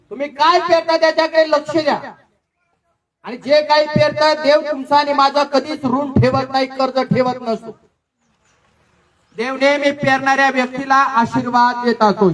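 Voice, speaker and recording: A man preaches a sermon in a strikingly high voice. He keeps throwing rhetorical questions at the crowd and parrots boastful givers in repeated sing-song chants. His voice comes from a step or two away from the microphone. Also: normal speed, recorded from a distance. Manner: rhetorical questions and call-and-response. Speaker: pastor.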